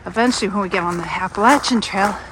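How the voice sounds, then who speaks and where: A woman's voice: mid-range voice, fast talker. A woman vlogging her hike, chatting casually on a mountain trail and laughing often as she talks to a handheld camera. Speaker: hiking vlogger. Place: outdoors on a windy mountain trail. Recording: wind and outdoor noise.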